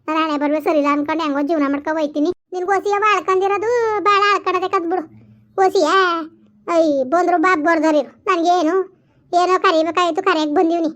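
A woman's voice: very high-pitched, fairly bright tone. A woman acting a quarrelsome village woman in a family feud, speaking in a village family drama. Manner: quarrelsome, scolding, argumentative.

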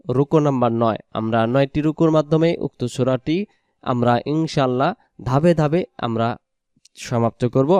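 A man from Bangladesh teaching Quran reading, rattling through explanations, then reciting verses slowly and drawn out. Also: mid-range voice, a little mellow, clear, resonant tone, dry recording, studio quality. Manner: brisk explanations between slow, drawn-out recitation.

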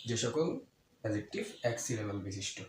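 A man's voice: lowish voice, expressive, quick pace. Male grammar teacher, patient and repetitive, asks and answers his own questions; echoey room, faint hiss. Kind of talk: explanatory grammar lesson.

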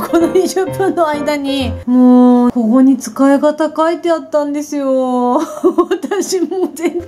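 A woman's voice: high-pitched, takes it slowly, few pauses, mellow. Flustered, laughing woman in her forties. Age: 40s. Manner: flustered and self-deprecating, laughs often; polite, chatty. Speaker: beauty vlogger. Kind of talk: casual unboxing vlog chat. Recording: background music clearly audible.

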